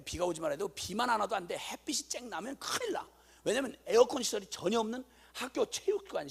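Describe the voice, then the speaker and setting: Animated gravelly Korean-speaking preacher man. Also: sits high. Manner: animated storytelling, acting out voices, rising to shouts. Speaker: missionary preacher. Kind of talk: sermon testimony.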